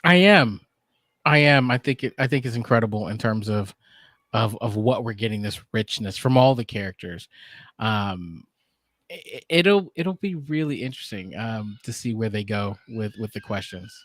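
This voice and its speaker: Halting male podcast co-host, dry sound. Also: fairly low pitch, lively intonation, a bit bright, no echo. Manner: halting, with frequent restarts and um's. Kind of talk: casual review chat.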